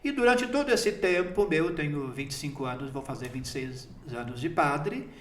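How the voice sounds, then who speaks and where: A man's voice: on the high side, lively intonation, normal speed, reverberant, slight background noise. A man in his fifties, a priest, telling a personal story in a chatty interview manner. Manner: chatty storytelling, often breaking into laughter. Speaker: priest named bishop.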